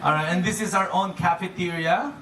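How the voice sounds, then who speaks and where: Upbeat cruise director, higher-pitched man, echoey room. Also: a little fast, pushed and bright. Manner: chuckles often at own jokes. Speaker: cruise director presenting to guests. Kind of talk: comedic live presentation to an audience. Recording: echoey noisy room, distant mic.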